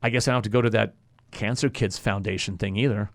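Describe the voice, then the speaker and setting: Man, podcast guest, animated storyteller, does the voices of the people in his story. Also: on the low side, fast. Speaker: podcast guest, former radio host. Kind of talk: casual storytelling.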